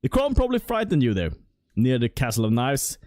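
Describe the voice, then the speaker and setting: A man voicing a scheming old female witch in a higher, mocking tone while reading game dialogue. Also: wildly swooping pitch, brisk, a little mellow, no echo, clean studio sound. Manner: mocking, sly, theatrical.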